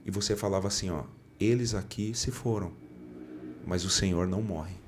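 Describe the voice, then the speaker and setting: A man's voice: low voice, normal speed, slight background noise. A middle-aged man, a pastor and podcast guest, telling a testimony in an earnest way and acting out the dialogue he quotes. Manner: earnest storyteller, often acts out quoted dialogue.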